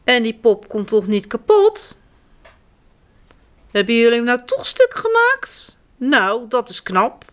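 A woman voicing a patient mother who gently scolds two small children over a broken doll. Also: fairly high pitch, sing-song, takes it slowly. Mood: surprised.

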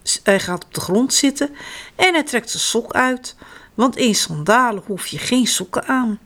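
A woman reading a children's story aloud in a slow, expressive way. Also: a little high.

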